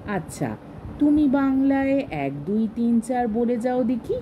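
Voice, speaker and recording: A woman's voice: a little high, expressive, slow pace, mellow, a little hiss or hum, poor audio. A woman reading a story aloud and voicing a strict, haughty woman who lectures on manners in a scolding way.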